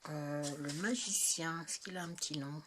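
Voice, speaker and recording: A woman's voice: deep voice, normal speed. Chatty, hesitant woman host, faint hiss. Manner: chatty, hesitant, searching aloud with many restarts. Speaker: tarot video host. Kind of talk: casual spoken deck review.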